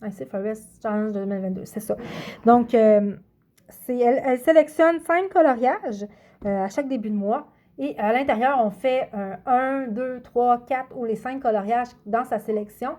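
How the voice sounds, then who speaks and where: Chatty woman, slightly high voice. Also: unhurried, mellow. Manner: chatty, hesitant, hunts for words. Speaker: coloring channel vlogger. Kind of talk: casual vlog talk to camera.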